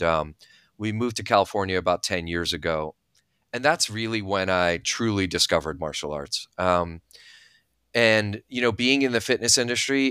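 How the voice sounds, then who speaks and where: A Bulgarian-born man in his thirties speaks candidly and thoughtfully as a guest in a casual interview, using plenty of fillers. His low voice is bright, forceful, clear and resonant, recorded with studio quality and no echo.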